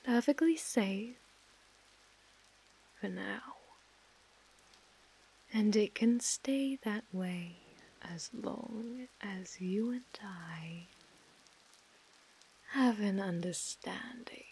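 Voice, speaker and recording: A woman's voice: mid-range voice, very slow, pauses often, dark tone, poor audio. A British woman playing an obsessive mafia heiress who speaks with controlling, condescending affection in an ASMR role-play. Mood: controlling, tender. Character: possessive, obsessive female mafia heiress, menacingly tender captor.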